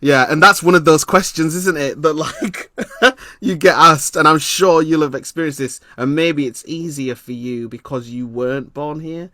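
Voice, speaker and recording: A man's voice: on the high side, moderate pace, bright, forceful tone, dry recording, studio quality. A man from Leeds, England, talking reflectively in an interview, with frequent ums and some laughter. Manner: thoughtful, hesitant with frequent ums; laughs often while telling stories. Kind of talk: reflective conversation.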